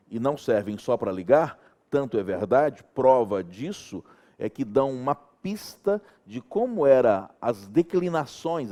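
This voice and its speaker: Animated Brazilian man teaching grammar. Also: medium pitch. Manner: animated, checks in with students often. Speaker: Portuguese teacher. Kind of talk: grammar lesson.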